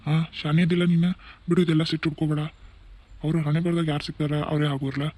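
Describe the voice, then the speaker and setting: A mild father from a cartoon, voiced by a man, soothes his family in North Karnataka Kannada. His voice is a little high for a man, even and quick, with a mellow tone. The recording is dry and close. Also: no echo, lightly acted. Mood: calming. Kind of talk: cartoon voice acting.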